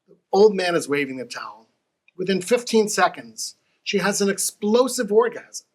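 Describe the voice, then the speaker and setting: A man tells jokes in a storyteller's way, his voice sitting a little high. He builds each setup steadily, then slows down to land the punchline. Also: animated, breathy edge. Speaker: joke teller. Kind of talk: telling jokes to camera.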